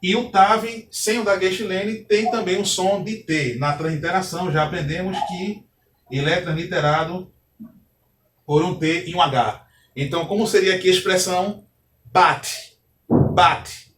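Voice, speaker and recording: Male teacher, fairly high voice, patient and repetitive, recorded from a distance. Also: steady tone, moderate pace, a bit bright, slight background noise. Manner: patient, repeats key points, asks the class questions. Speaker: Hebrew teacher. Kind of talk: recorded lesson, explaining step by step. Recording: echoey room, distant from mic.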